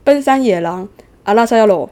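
A woman's voice: mid-range voice, expressive, brisk, dark tone. A woman from Taiwan co-hosting a casual podcast in Taiwanese-accented Mandarin, chatty and full of interjections. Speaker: podcast co-host.

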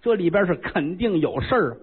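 A worried old chancellor pleads and reasons in urgent, persuasive bursts, voiced by a male storyteller. The voice is husky and swings between tones. It sounds thin, as if over a phone line. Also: high-pitched, animated, moderate pace, heavily acted. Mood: alarmed. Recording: lo-fi phone-like recording.

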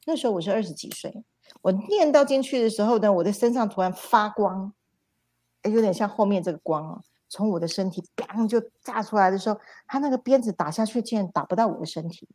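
A woman, a spiritual teacher telling dream stories on a livestream in an animated, repetitive way. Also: mid-range voice, brisk. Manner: animated, repetitive retelling with sound words. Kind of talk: livestream storytelling talk.

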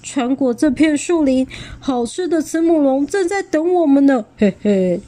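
A woman's voice: high-pitched, expressive, moderate pace, mellow, pitched above the performer's own voice. A woman voicing a sly, menacing grown male tyrannosaurus in a storybook reading, with sneering chuckles and an insistent manner.

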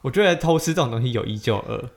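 A woman's voice: a bass voice, animated, rapid-fire, gravelly. A young woman, co-hosting a casual podcast chat with frank, playful replies. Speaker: podcast co-host.

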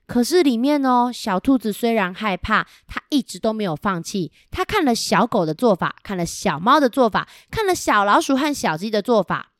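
A woman's voice: fairly high pitch, no echo, clean studio sound. A woman with a Taiwanese Mandarin accent telling a picture-book story as if reading to a toddler, putting questions to the children.

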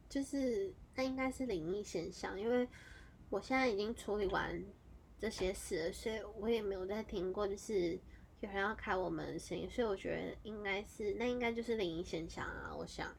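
A woman's voice: normal speed, gravelly, a little hiss or hum. Chatty woman telling a story. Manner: animated, jumps into high excited exclamations; chatty, strings clauses with fillers. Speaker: podcast host. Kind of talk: casual storytelling monologue.

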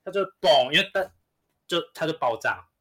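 A man's voice: fairly high pitch, animated, moderate pace, sharp tone. A man, a podcast co-host and store floor manager, telling a story in a profane, ranting way. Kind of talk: casual storytelling chat.

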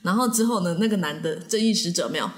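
A woman with a Taiwanese Mandarin accent co-hosting a podcast, telling stories in an animated, laughing way. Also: on the low side, fast talker. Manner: animated, laughs often, says "我跟你讲" a lot. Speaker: podcast co-host. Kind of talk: casual chat storytelling.

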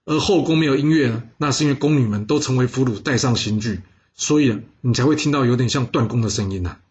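Man doing a hushed, resigned old fortune-teller. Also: medium pitch, quick pace, muffled recording, lightly acted. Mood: solemn. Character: doomed older male court fortune-teller, resigned.

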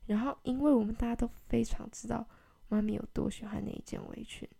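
A woman's voice: a little high, steady tone, fast, gravelly, warm tone. A young woman telling a rambling family story on her podcast at home, full of fillers and giggles. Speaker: podcast host.

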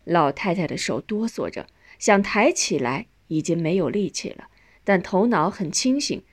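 A woman narrating a family story in measured audiobook style. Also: fairly low pitch, animated, husky.

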